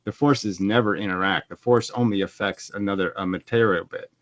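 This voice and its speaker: A man on a video call explaining his own physics model in casual speech, often restarting his sentences and growing animated when challenged. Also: on the low side, a little fast, no echo. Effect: heard over a video call. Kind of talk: conversational explaining. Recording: dull, dry video call audio.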